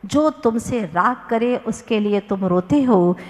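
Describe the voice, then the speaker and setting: High-voiced woman preaching in a hall. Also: expressive. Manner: chants verse slowly, then tells a story acting out both speakers. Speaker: Jain nun preacher. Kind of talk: devotional sermon with a told parable.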